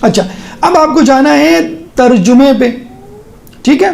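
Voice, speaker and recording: A religious teacher giving a casual online lesson, walking listeners through a screen step by step. The talk is conversational, with frequent check-ins, and scripture is recited in slow, measured phrases. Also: sits high, lively intonation, vocal fry, darkish tone.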